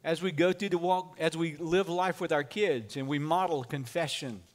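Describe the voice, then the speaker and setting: A man's voice: fairly high pitch, moderate pace. Folksy preacher man. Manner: folksy storytelling preacher, lively delivery. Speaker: pastor. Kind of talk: sermon.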